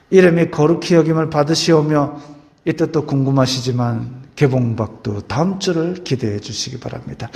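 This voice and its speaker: A male pastor preaching a sermon in an animated way, quoting scripture and acting out voices. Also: fairly high pitch, creaky. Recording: long church reverb.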